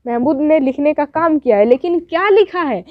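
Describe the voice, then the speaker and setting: A woman's voice: high voice, animated, normal speed, no echo. A woman teacher giving a grammar lesson, asking questions and answering them herself, with lots of repetition. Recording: dull, dry lo-fi sound.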